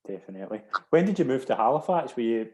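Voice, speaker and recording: A man's voice: mid-range voice, sing-song, rapid-fire, background noise. A man hosting a podcast interview, often restarting his questions and answering with brilliant. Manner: repeats words, says "brilliant" often. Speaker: podcast host. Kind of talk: casual interview.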